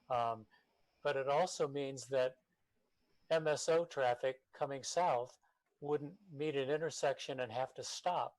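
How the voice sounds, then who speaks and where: A man speaking by remote call at a city meeting on behalf of a neighborhood association, halting with many fillers. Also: mid-range voice, a little mellow, dry recording, poor audio. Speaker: public commenter for a neighborhood association. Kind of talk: public comment at a city meeting.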